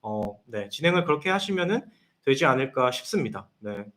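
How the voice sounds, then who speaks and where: A man's voice: mid-range voice, sing-song, a little fast, a bit bright. A man in his thirties, a consultant answering viewer questions on a live stream in an explanatory way. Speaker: guest consultant.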